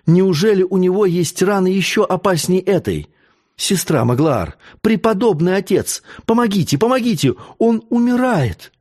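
A man's voice: a little high, unhurried, few pauses, darkish tone, close to an everyday voice. A man voicing a passionate, commanding young noblewoman in an audiobook, crying out in a raised voice. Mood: frantic.

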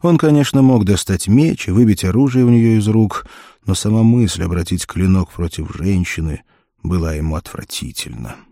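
Male narrator, audiobook, very deep voice, mellow, measured reading, dry close recording. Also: lively intonation, creaky, dry recording. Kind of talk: scripted narration.

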